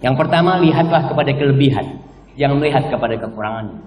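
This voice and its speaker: A middle-aged man preaching a lively sermon with an Indonesian accent, acting out husband and wife exchanges in a soft low voice and a sharp high one. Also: fast, slight background noise. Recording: echoey hall from far off.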